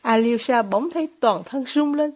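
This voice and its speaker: A woman with a fairly high pitch reads a classic novel as an audiobook, narrating in a steady, measured way.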